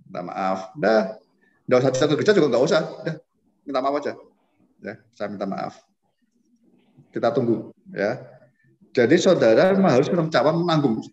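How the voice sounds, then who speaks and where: Man preaching a casual sermon, lo-fi. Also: mid-range voice. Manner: conversational, addresses listeners as saudara. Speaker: pastor. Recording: dull lo-fi recording.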